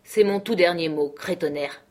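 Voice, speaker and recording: A woman voicing a crippled old male pirate cook who makes loud, blustering threats in an audiobook. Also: lowish voice, normal speed, lightly acted. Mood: furious.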